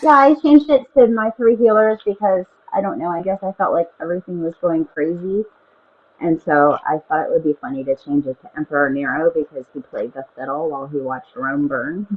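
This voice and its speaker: A woman's voice: deep voice, fairly quick, husky. A woman chatting casually on a stream through a muffled earbud headset mic, hesitant and trailing off mid-sentence. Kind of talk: casual chat. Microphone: wireless earbuds.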